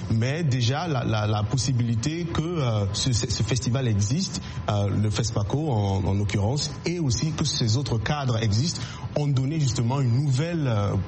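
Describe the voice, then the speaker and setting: A man who is a film director and journalist, speaking in a studio radio interview, measured and full of fillers. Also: mid-range voice, music in the background.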